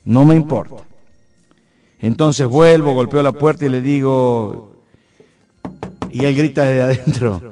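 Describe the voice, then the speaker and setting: A man's voice: mid-range voice, unhurried, pauses often. A middle-aged man with an Argentine accent from San Juan, telling a story and then reflecting on it in an earnest, hesitant way, often restarting his sentences. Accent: Argentine Spanish, Cuyo (San Juan). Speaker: radio host. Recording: soft music underneath. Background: faint music.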